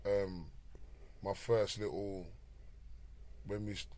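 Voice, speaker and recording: A man's voice: lowish voice, flat delivery, slow, a little mellow. A man with a South London roadman accent, telling stories casually in street slang and often tagging lines with "you get me". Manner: roadman way of talking with frequent "you get me" tags. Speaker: interview guest, former garage MC and rapper.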